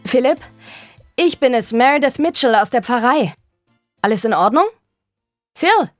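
A woman voicing a shaken young woman in a crisis, speaking in a tense, raised and hurried way. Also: medium pitch, a little mellow, no room sound, soft background music, pitched above the performer's own voice, lightly acted. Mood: alarmed calling. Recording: dry close studio sound.

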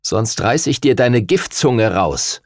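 A man's voice: mid-range voice, expressive, slow, no room sound, studio quality. A man voicing a sneering, unfair boy dragon rider in a storybook reading, mocking and threatening.

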